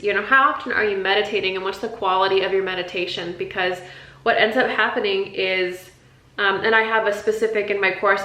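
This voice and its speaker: A woman with a bright, forceful voice talks through a spiritual lesson in a loose, conversational way, often repeating herself and restarting sentences. The sound is roomy and echoey, as if recorded in a bare room. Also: medium pitch. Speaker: intuition teacher. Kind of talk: casual spiritual teaching talk.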